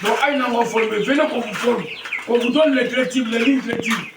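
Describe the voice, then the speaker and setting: Here the same proud fifties-aged farmer from Mali, with his Malian French accent, talks briskly to camera as he shows off his poultry, frequently restarting and repeating. For a man his pitch runs high. The mic is far away in an echoey space, and chickens cluck amid loud farm sounds.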